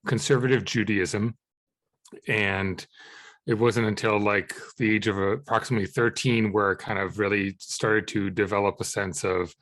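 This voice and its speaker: A man in his thirties from Israel, a podcast guest answering questions in a halting way with many fillers and restarts. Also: lowish voice, fairly even intonation, fairly bright tone, no echo. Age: 30s. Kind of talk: conversational interview answers.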